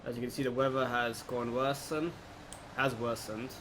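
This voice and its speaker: This man's voice is medium in pitch and moves at a moderate pace as he offers loose, unplanned let's play commentary, musing aloud along the way. He hosts gaming videos. A constant air-conditioner-style hum runs beneath an otherwise clear recording.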